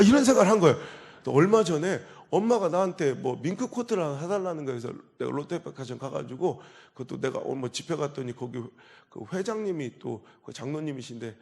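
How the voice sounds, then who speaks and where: A man in his forties, a pastor preaching a revival sermon, telling stories with sudden loud outbursts and quiet asides. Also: medium pitch. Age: 40s.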